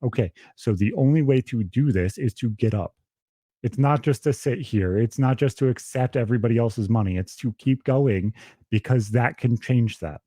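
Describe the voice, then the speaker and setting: Swearing heavily and speaking bluntly, a young co-host joins a casual political podcast chat over a remote call with dropouts. His medium-pitched voice has a warm tone and normal speed, captured at studio quality with no echo.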